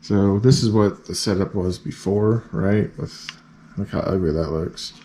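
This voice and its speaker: A man with a fairly low voice chats through a how-to vlog. He is laid-back and thinks out loud as he works. There is faint noise behind him. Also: a little slow. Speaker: vlog host. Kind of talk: casual how-to vlog chat.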